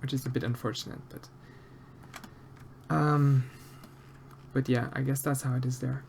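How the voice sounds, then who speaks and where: A man with a creaky, medium-pitched voice speaks at normal speed with little pitch movement, over slight background noise. Speaking with an Austrian German accent, this streamer from Austria answers chat while sculpting, quietly and haltingly, with frequent fillers and restarts.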